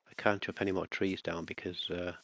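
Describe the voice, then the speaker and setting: This gaming channel host has a low, gravelly, slightly bright voice and a flat delivery at a fairly quick pace. During his casual let's-play of a survival game he mutters to himself, breaking into alarm when enemies arrive.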